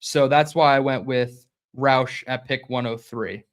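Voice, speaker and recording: A young man hosts a live sports reaction stream in a loose, conversational way. He talks quickly, stumbles over a word now and then, and reads viewers' chat comments aloud as he goes. His voice sits at an ordinary middle pitch for a man. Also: clear, resonant tone. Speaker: podcast host.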